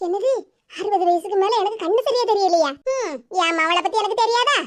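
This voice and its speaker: A woman voicing an argumentative, defensive grown daughter in a cartoon, in a high, squeaky voice. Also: fairly quick. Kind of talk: cartoon voice acting.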